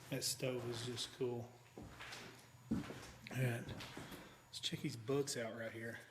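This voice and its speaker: A man's voice: medium pitch, flat delivery, slow. A man filming a night exploration vlog, talking nervously and at times whispering. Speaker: urban explorer vlogger. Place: inside an empty old school building. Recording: roomy echo, ambient noise in abandoned building.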